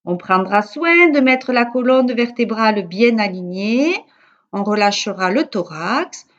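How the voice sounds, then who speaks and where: A yoga teacher with a fairly high voice guides a yoga nidra session at a very slow pace. She speaks calmly and measuredly, leaving soothing pauses between instructions, and the audio is slightly dull and lo-fi.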